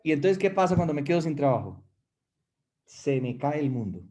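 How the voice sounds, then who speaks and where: A male pastor preaching a sermon, his voice set fairly high with a mellow, soft tone. He talks emphatically and directly to the congregation, speeding up and slowing down to stress points. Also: big pitch swings. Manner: emphatic preaching with shifting pace; addresses listeners directly.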